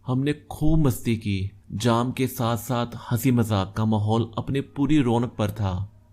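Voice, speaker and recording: A man reading a first-person story aloud in a measured, steady storytelling manner. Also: mid-range voice. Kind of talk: scripted first-person narration.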